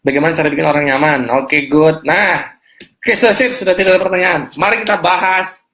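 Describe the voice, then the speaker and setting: A man leading an online sales coaching session, lively and emphatic, often asking the audience rhetorical questions. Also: on the high side, brisk.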